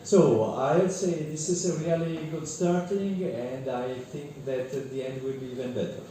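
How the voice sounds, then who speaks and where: A man's voice: medium pitch, steady tone, moderate pace. A man gives hesitant, formal opening remarks at a conference, with frequent fillers and restarts. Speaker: invited conference speaker. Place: large echoey conference hall. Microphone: distant from the microphone. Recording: echoey hall from far off, background noise.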